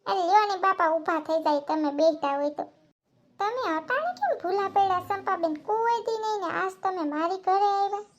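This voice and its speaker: A woman's voice: extremely high pitch, lively intonation, a little fast, dull audio. A woman voicing a lazy, hospitable but evasive housewife in a cartoon, with a Kathiawadi Gujarati accent. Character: lazy housewife lounging in front of TV.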